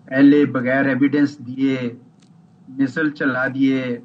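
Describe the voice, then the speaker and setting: A man, a former ambassador, giving measured commentary as a guest over a video call whose audio keeps dropping out. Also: medium pitch, level tone, slight background noise. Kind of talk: current-affairs commentary. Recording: muffled lo-fi video-call line.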